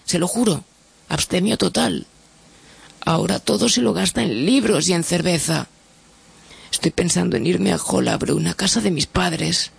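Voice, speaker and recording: A man's voice: sits high, moderate pace, creaky, slightly rough, pitched above the performer's own voice, full character voice. Man voicing a pleading, anxious wife. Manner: pleading, rising to shouts. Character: worried wife, adult woman, anxious and pleading.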